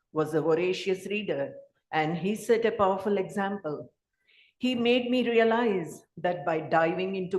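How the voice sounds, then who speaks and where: A woman poet giving a formal, measured prepared speech at a literary event. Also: lowish voice. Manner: slow, measured, formal delivery. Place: hall. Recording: echoey hall.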